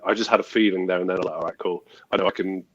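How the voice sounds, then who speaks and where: A man, a film composer guest, telling his story in a relaxed way. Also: low-pitched, racing, highs cut off, a little hiss or hum.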